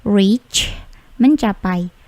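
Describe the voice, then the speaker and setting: A woman gives an English vocabulary lesson at a very slow, careful pace. She repeats each word deliberately. Her voice is soft and mellow, recorded close in a dry room. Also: medium pitch, dry recording. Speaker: English teacher.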